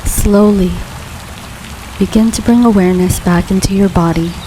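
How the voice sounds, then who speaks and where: A woman leading a guided grounding meditation in a calm, soothing, unhurried way, leaving long pauses between phrases. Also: mid-range voice, low-quality recording. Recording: steady rain noise behind voice. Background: rain falling.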